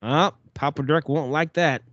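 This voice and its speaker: A man's voice: a little high, moderate pace, no echo, lo-fi sound. A man co-hosting a podcast, chatting casually and playfully about football. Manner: animated, playful teasing. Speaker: podcast co-host. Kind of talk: casual sports chat. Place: Detroit.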